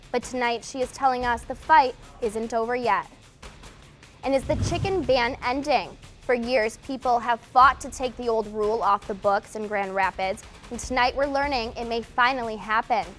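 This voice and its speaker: News anchor: American woman, higher register, formal scripted read, light music underneath. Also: a bit bright. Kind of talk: scripted television newscast reading.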